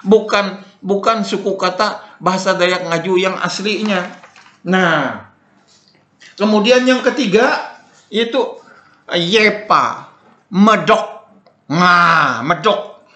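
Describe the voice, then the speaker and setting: An older man giving an informal spoken lecture, repeating his points and filling pauses with "nah" and "eh". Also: sits high, bright, forceful tone. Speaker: lecturer on Dayak Ngaju language. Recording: echoey room.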